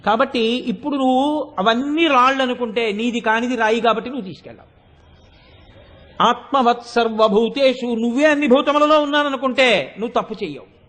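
A man giving a devotional sermon, telling stories with lively expression and chanting sacred verses slowly. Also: very high-pitched. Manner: animated storytelling, acting out quoted voices, chanting verses slowly. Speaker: spiritual discourse speaker.

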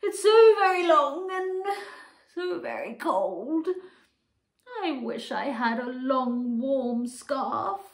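A woman voicing a sad, shivering giraffe in a storybook read-aloud, high and plaintive. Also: animated, takes it slowly, roomy sound, full character voice. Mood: sad, whimpering. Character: sad, shivering giraffe with a long cold neck.

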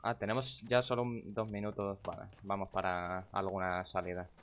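A young man commentates his game at a home computer, rattling off casual, profane asides and greetings to chat. His voice sits on the low side. Faint background noise and keyboard clicks come through the mic. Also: flat delivery, normal speed, a bit bright. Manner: chatty and profane, muttering to himself and greeting chat viewers. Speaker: gaming streamer. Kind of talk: casual live-stream commentary.

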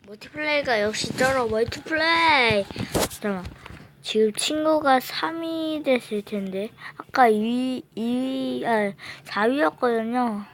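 A woman's voice: fairly high pitch, unhurried. A woman chatting playfully while commenting on a mobile game she is playing. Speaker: gamer. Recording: noisy phone recording.

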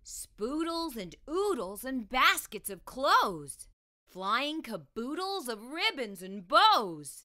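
Reading aloud at a children's storytime, a middle-aged woman uses a fairly high, very lively voice with a bright, clear-cut tone. She takes it slowly, expressively shaping each phrase for young listeners, and wears a lapel mic.

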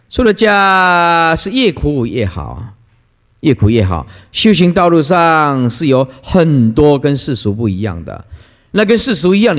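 A male Buddhist dharma master giving a sermon, telling stories and acting out the people he quotes, often with a laugh. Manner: lively storytelling, acts out quoted people with playful pitch jumps and laughter. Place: lecture hall. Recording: long hall reverb.

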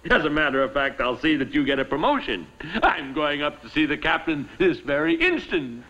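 An actor playing a bumbling, nearsighted old rich man in a cartoon, mumbling asides to himself and bursting into frantic shouts. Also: fairly high pitch, sing-song, normal speed, highs cut off, heavily acted. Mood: blustering. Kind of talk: cartoon voice acting. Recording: loud music bed behind.

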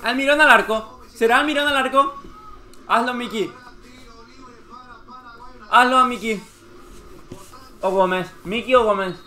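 A young man reacting live to a football match, cheering and shouting at every play. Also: very high-pitched, a little slow, long pauses.

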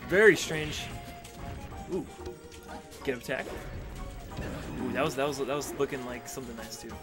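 A man's voice: medium pitch, moderate pace. A young man casually commentating a video game match, joking and rambling, often repeating his words. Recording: music playing behind.

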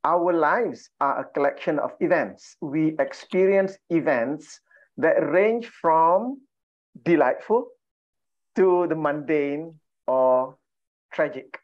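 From his bookshelf-lined home room, a middle-aged Malaysian coach and trainer opens an online workshop over slightly dull video call audio. He talks slowly in a voice on the high side, laughing warmly as he welcomes people, with plenty of "uh" fillers.

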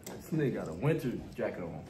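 A man's voice: fairly low pitch, big pitch swings, quick pace, heavy background noise. A young man chiming in with slangy remarks in casual banter among friends. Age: young adult. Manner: slangy interjections. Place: indoor room at a dining table. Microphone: camera across the table. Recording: roomy echo, music underneath.

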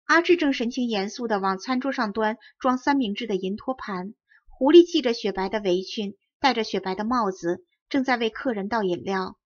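A woman reading a fairy tale aloud as an audiobook narrator, clear and expressive. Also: on the high side, moderate pace, no room sound. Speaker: audiobook reader. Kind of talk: storybook narration. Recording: dry dull close recording.

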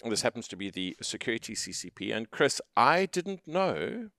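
A man's voice: mid-range voice, very animated, normal speed, creaky, sharp tone, no echo, clean studio sound. A man co-hosting a podcast interview in a conference room, talking into a headset mic in a casual, jokey, enthusiastic way. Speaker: podcast co-host.

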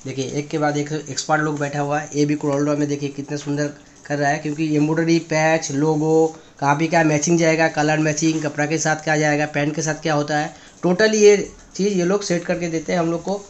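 A man in his thirties giving an eager sales-pitch tour of a garment workshop, recorded on a handheld phone camera. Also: level tone, fairly quick, dull audio. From India. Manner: eager sales pitch, repeats phrases, points things out. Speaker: factory guide showing kids' wear. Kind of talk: walking tour presentation. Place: indoor garment workshop and showroom.

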